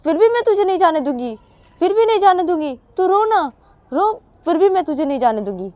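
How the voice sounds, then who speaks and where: A stubborn, possessive older sister in a spoken storybook, insisting over and over and pressing for answers, as a woman storyteller plays her. Her voice is high. It is recorded close and dry. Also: sing-song, a little fast, mellow, no room sound. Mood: reproachful. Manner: insistent, repeatedly demanding "haan?".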